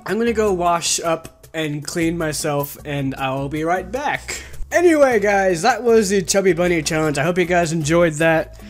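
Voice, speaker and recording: A man's voice: a little high, animated, moderate pace, faint music behind. A young man chatting casually to camera as a vlogger, into a desktop mic in a small room. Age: young adult. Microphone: desktop condenser mic, close.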